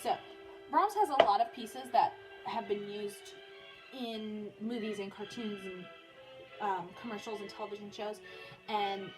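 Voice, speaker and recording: A young woman teaching music reads a biography to her pupils informally, dropping in casual remarks and frequently turning to soothe a small child. She has a mid-range voice and speaks a little slowly. The recording is rough.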